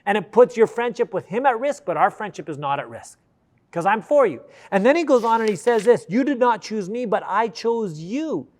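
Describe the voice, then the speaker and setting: A man's voice: high voice, big pitch swings, moderate pace. A middle-aged man giving a youth sermon, earnest and conversational, with many likes and restarts. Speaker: youth pastor.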